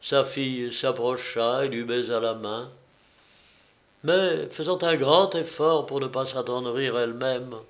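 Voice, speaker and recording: A man narrating a novel aloud in a measured, even reading voice. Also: medium pitch. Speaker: audiobook reader.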